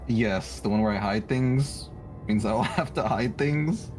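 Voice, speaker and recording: This livestreamer's voice is medium-pitched, unhurried and a touch mellow, captured in a rough recording with music behind it. He giggles and rambles casually as he draws live.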